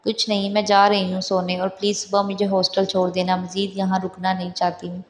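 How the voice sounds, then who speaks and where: A woman reading the lines of a hurt, proud and defiant young wife in a flat, even voice. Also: medium pitch, natural voice.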